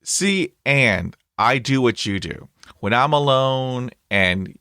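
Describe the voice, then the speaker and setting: Upbeat and talkative, this podcast host stutters heavily, with blocks and repeated sounds, and leans on plenty of fillers during a conversational interview. His medium-pitched voice is animated, slow, pushed and bright, in clean studio sound with no room noise.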